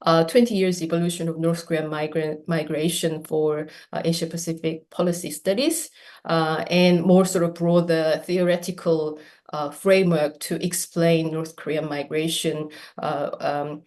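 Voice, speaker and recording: Woman academic presenting; deep, steady lecture delivery. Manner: measured, lecture-like with fillers. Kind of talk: conference presentation.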